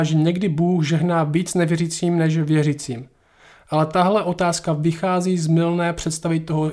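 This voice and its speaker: A man's voice: a little high, a little mellow. A man hosting a listener Q&A, reading scripture and explaining it in an earnest, teaching way. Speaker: host answering listener questions.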